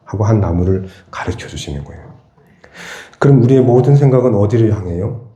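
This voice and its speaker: A man's voice: on the low side, animated, brisk, dark tone, roomy sound. A pastor preaching a sermon in a church. He keeps asking the congregation questions and answers them himself. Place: church sanctuary.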